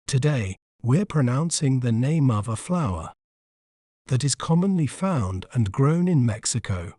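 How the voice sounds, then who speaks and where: A man hosting a scripted pronunciation tutorial, breaking words into syllables slowly. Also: mid-range voice, warm tone, no echo, clean studio sound. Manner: slow, syllable-by-syllable demonstration. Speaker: pronunciation channel host.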